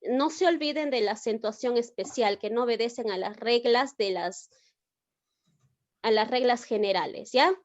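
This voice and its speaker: A woman's voice: fairly high pitch, moderate pace, no room sound, highs cut off. A woman teacher giving an online class, explaining step by step and often checking with the students. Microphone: video call.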